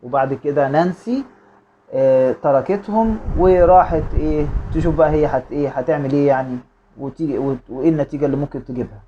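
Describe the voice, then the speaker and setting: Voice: mid-range voice, highs cut off, a little hiss or hum. Egyptian teacher translating a storybook. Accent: Egyptian Arabic. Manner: reads English slowly, explains quickly with hesitations. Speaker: English teacher. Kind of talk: reading a storybook aloud and translating.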